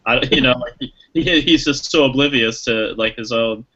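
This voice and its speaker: A man's voice: medium pitch, moderate pace, bright, forceful tone, lo-fi sound. A man co-hosting a podcast, chatting casually and enthusiastically about a movie, rambling with lots of fillers. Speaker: podcast co-host. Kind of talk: casual movie review chat.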